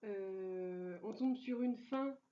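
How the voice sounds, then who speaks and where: A woman's voice: mid-range voice, extremely slow, muffled recording. A young woman casually reviewing manga in a vlog, full of fillers and restarts, and enthusiastic about what she likes. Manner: hesitant, many fillers and restarts; enthusiastic, laughs easily.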